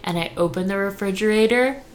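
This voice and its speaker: A young adult woman from Texas, co-hosting a casual chat podcast and telling stories in a chatty, animated way. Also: medium pitch, brisk, echoey room. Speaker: podcast co-host.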